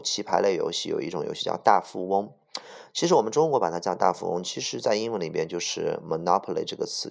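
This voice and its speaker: A man teaching English vocabulary, explaining each word with examples and repeating words slowly, often clearing his throat. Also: deep voice. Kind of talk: vocabulary lesson.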